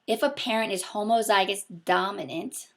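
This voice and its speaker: A woman's voice: medium pitch, moderate pace. A young adult woman with a sore, throaty voice, patiently explaining step by step in a recorded video lesson. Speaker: biology teacher. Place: small home room with a window, indoors.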